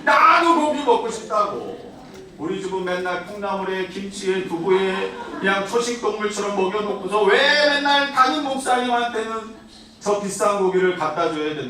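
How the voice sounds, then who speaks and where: Brief: a man playing a petulant little boy, high and whiny, echoey hall, heard from a distance. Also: little pitch movement, slow pace, crowd noise. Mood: whining. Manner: petulant, whining. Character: whiny young boy complaining to his mother. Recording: echoey church hall from afar.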